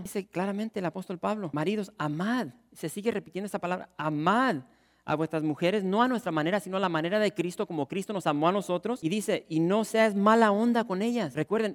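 A pastor delivers a sermon in a high voice, building to emphatic peaks and calling out to the congregation. His words ring with a long reverberation from the hall around him. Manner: preacherly, rising to emphatic peaks, addresses listeners as "tío" and "hermanos".

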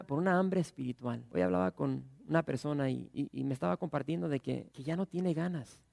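Gravelly-voiced preaching man. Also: a little high. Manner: reads scripture loudly and emphatically, asks the congregation questions. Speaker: pastor. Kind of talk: sermon with scripture reading.

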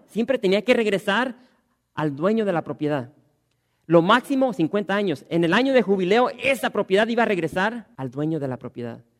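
A man preaching a sermon and reading scripture aloud. He swings from loud, emphatic lines to low, hushed ones. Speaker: pastor.

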